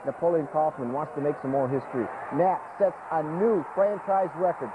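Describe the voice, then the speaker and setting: High male narrator, tinny noisy broadcast. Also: moderate pace. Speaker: sports highlights narrator. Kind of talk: highlight narration. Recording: tinny broadcast, loud stadium noise.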